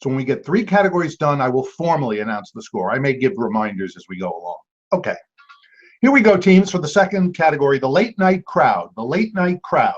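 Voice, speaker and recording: A man's voice: mid-range voice, big pitch swings, quick pace. A man hosting an online trivia game as quizmaster, playful, with jokey asides. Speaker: trivia quiz host. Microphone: video call. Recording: dull lo-fi video call audio.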